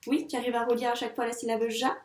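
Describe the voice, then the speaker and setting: A woman's voice: on the high side, completely flat delivery. Woman teacher guiding a child. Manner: patient, encouraging, talks straight to the child; says sounds slowly while writing. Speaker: primary school teacher. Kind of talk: handwriting lesson for young children. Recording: echoey room, mic at a distance.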